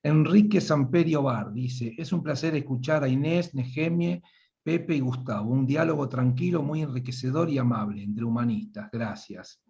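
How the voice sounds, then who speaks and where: A man's voice: medium pitch, normal speed, vocal fry, dark tone, highs cut off. A man with an Argentine accent hosting a live online panel, reading out audience comments and often repeating words as he searches for them. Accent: Argentine Spanish. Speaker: host and moderator.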